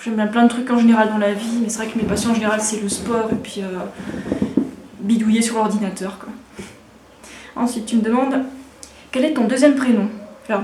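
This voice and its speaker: A woman in her thirties from Alsace, France, chats frankly and casually as a vlogger answering viewer questions, rambling with many fillers and restarts. Her voice is on the high side with a darkish tone. The sound is roomy, with slight background noise.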